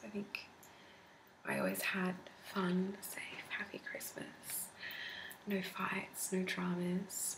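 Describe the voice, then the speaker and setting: In a candlelit room at home, a twenties ASMR creator whispers a rambling, chatty chat into her laptop mic, laughing often. Her whisper is slightly deep and gravelly rather than soft-spoken, and the laptop recording is grainy and noisy.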